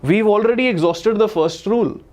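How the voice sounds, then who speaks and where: Higher-pitched North Indian man teaching online. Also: normal speed, a little mellow. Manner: emphatic, repeats key phrases and questions; switches between English and Hindi. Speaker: chemistry teacher. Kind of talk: live online exam lesson, explaining step by step.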